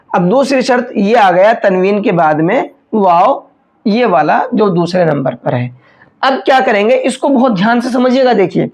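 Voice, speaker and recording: A high-pitched man gives a step-by-step recitation lesson, patiently explaining each rule, frequently checking understanding, and drawing out slow examples. The recording is dull and lo-fi.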